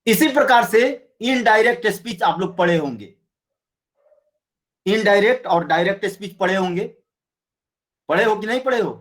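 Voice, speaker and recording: A man teaching a Hindi grammar lesson, explaining slowly and often checking with his students. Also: sits high, animated, fairly bright tone. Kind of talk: classroom lecture.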